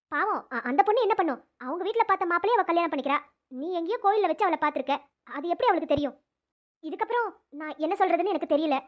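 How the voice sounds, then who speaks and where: A woman voicing an earnest young female doctor in a cartoon, speaking persuasively. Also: very high voice. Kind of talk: cartoon voice acting.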